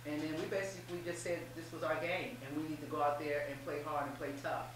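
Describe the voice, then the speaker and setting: Seated at a table in a small room with posters, a middle-aged woman who coaches basketball speaks in a low voice, upbeat and emphatic, during a post-game press interview. Her voice is caught off-mic by a table mic on a stand. The room is very echoey, the mic distant, and a faint hum runs underneath.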